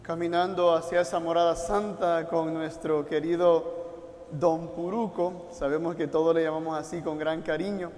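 Male priest, Puerto Rican Spanish accent, leading mass in a gently pastoral way, echoing through a church. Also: fairly high pitch, flat delivery, moderate pace. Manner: warm pastoral, direct appeals to listeners at home. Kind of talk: liturgical address to an online congregation. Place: church altar. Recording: long church reverb.

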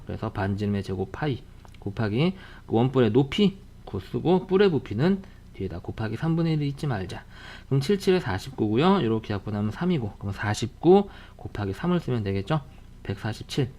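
A male math teacher giving a recorded online lesson. He talks at a mid pitch and works through each problem briskly, repeating the same reminders again and again. Now and then he breaks off into friendly lecturing asides. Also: darkish tone.

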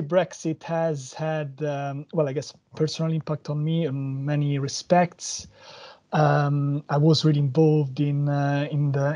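A man from Italy with an Italian accent, giving a measured, explanatory webinar presentation over a video call. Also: on the high side, warm tone, dull audio. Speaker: policy advisor speaker.

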